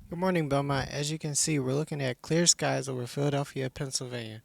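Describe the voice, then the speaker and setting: Teen guy doing the school weather, gravelly fry, dry close sound. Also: mid-range voice, fairly even intonation, brisk, no echo. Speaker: school show weather presenter. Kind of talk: scripted weather forecast.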